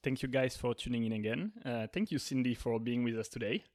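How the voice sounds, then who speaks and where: A man co-hosts a chatty podcast. His voice sits at a middle pitch and sounds close and dry, and he hesitates often with ums and uhs as he asks questions. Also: brisk, darkish tone, no room sound. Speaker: podcast co-host. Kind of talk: casual interview conversation.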